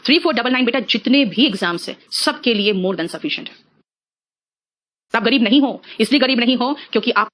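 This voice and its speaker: A middle-aged woman teaching an exam-prep English lesson, calling her students "beta" and slowing down to spell out example sentences. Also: a little high, lively intonation, fairly bright tone. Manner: addresses students as beta, mixes Hindi and English.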